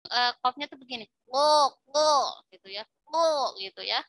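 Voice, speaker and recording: A middle-aged woman teaching Quran recitation in an online lesson, patiently repeating syllables for her students to copy, with pauses and self-corrections. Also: a little high, lively intonation, gravelly, bright, forceful tone, no room sound. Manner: halting, with fillers and self-corrections.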